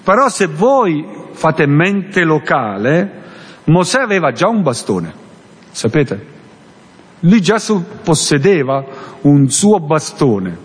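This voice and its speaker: Preacher in a reverberant hall. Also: male voice, fairly high pitch, big pitch swings, takes it slowly. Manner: earnest, rising and falling emphasis, searching for a verse aloud. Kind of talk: sermon.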